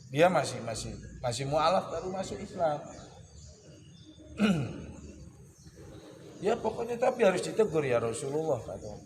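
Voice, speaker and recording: A man teaching a casual weekly religious study session, joking and teasing his listeners and clearing his throat often. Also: on the high side, background noise. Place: boarding school study hall. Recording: echoey hall with clear birdsong and ambience.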